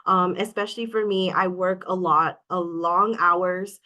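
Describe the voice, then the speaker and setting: A woman from Hawaii, a coaching client, is a guest in a casual interview and speaks openly and candidly, saying "um" a lot. Her voice is on the low side with fairly even intonation, a slightly slow pace, and a sharp tone.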